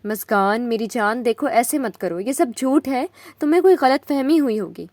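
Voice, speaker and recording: A possessive young husband who pleads fast and forcefully, as a woman narrator voices him. The delivery is urgent and close, with a fairly high dry sound, from a spoken romance novel. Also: no room sound, natural voice. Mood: urgent pleading.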